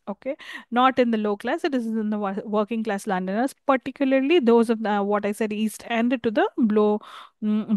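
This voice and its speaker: A woman's voice: a little high, clean tone, dry recording. Woman lecturer with an Indian accent. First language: Telugu. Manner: halting explanation, frequent "okay" checks and self-corrections. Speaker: English lecturer. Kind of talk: recorded university lecture.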